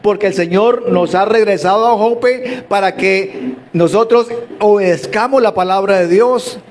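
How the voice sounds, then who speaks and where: A man's voice: high voice, measured pace, slight background noise. A man preaching a sermon, asking rhetorical questions and often restarting his sentences.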